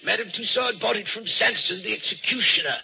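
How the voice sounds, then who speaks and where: An actor playing a nervous, deferential wax museum attendant who tells eerie tales hesitantly, in old-time radio drama style. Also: male voice, sits high, a little fast, creaky, pushed and bright, a little hiss or hum, heavily acted. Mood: ominous, dramatic. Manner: hesitant, deferential, ominous storyteller. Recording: dull old radio recording with music.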